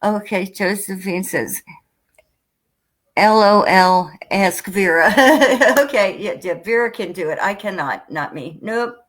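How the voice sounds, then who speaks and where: A woman's voice: mid-range voice, slow, fairly bright tone. An American woman hosting a casual interview over a video call, bubbly and rambling, laughing often as she talks. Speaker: host.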